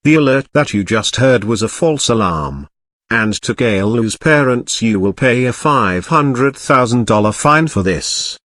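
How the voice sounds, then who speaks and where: A man's voice: mid-range voice, expressive, unhurried, fairly bright tone, dry recording, studio quality. A computer voice of a man playing a broadcaster, with stilted, formal delivery.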